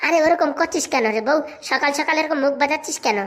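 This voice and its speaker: This is a hapless cartoon husband who tries to calm his wife down, played by a woman. The voice sits fairly high and the words come very fast. He sounds mild and placating. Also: natural voice. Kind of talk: cartoon voice acting.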